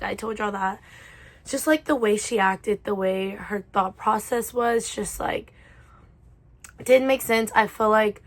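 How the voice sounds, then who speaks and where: A woman's voice: medium pitch, rough recording. A young woman chatting casually as a book vlogger, chatty and exasperated, with lots of fillers. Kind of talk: casual chat.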